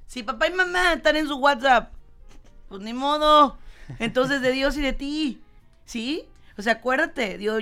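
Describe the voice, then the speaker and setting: A woman's voice: a little high, a bit bright. A woman with a Mexican accent hosting a motivational talk show, emphatic and repeating her points straight to the audience. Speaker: host.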